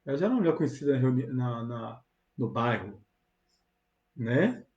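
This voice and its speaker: A man's voice: mid-range voice, sing-song, moderate pace, darkish tone. A man with a Brazilian Portuguese accent preaching a sermon as pastor, fervent and emphatic, with rhetorical questions. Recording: roomy, dull lo-fi sound.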